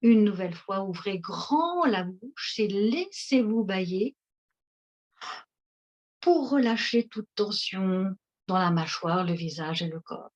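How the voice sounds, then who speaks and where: A woman leading a guided seated relaxation session, speaking in a slow, soothing, instructive way. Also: medium pitch, expressive, darkish tone. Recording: dull lo-fi recording.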